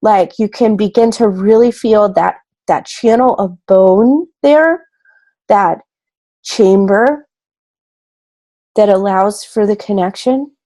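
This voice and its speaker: In a guided meditation, a woman with a medium-pitched voice speaks gently and soothingly. She takes her time, pausing between short phrases.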